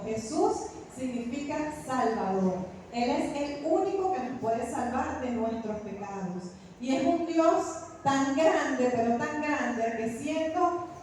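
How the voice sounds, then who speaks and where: A woman preacher with a high voice, telling her story dramatically and rising into proclamations at a charismatic retreat. She sounds far from the mic in a large, echoing hall with a long reverb and faint noise behind. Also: a little mellow. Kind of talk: charismatic sermon with personal testimony.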